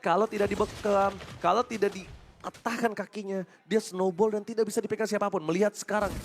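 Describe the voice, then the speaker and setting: A man with an Indonesian accent giving dramatic, excited play-by-play commentary as an esports caster. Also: sits high, a little fast, background noise. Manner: dramatic, shouts through action calls. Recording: music behind the voice.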